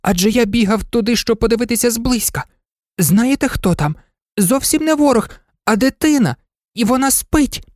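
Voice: mid-range voice, animated, moderate pace, no echo, clean studio sound, voice pushed up, natural voice. A narrator voicing a small, clever rag toy dog who pleads earnestly in a storybook. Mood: insistent. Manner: earnest, imploring.

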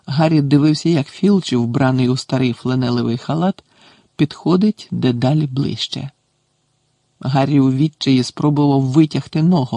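A man reading an audiobook aloud with a measured, dramatic delivery. His voice is gravelly and slightly husky, at an ordinary pitch, and the recording is dry and close. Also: a little mellow, dry recording. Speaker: narrator. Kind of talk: audiobook narration.

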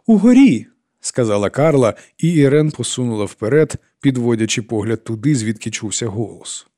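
A man reading an audiobook as its narrator, telling the story in a calm, even way. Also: mid-range voice, normal speed. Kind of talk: scripted narration.

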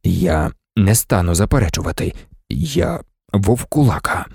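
A weary, composed teacher, as a male narrator plays him, speaking low and measured. The voice stays controlled and steady. The sound is close and dry. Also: creaky, slightly rough, dry recording, exaggerated voice. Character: weary calm grown man, a teacher.

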